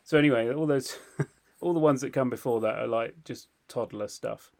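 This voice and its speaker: A man co-hosting a podcast, telling a story in casual chat, animated and laughing often. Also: mid-range voice, moderate pace, vocal fry. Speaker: podcast co-host.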